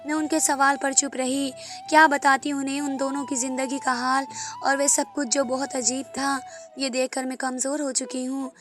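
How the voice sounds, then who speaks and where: A woman's voice: high-pitched, level tone, normal speed. A woman narrating an emotional first-person story in a sorrowful, heartfelt way. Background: faint music.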